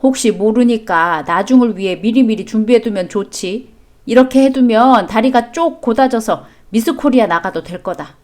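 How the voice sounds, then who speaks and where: A woman's voice: fairly high pitch, normal speed, darkish tone, lightly acted. A woman doing a stubborn, careless grandfather. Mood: dismissive.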